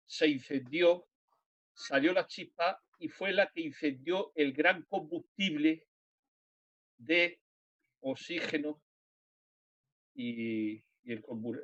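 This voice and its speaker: A man's voice: a little high, dry recording. A man on a live science panel, explaining technical details step by step. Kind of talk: live stream panel talk. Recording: dull, dry sound.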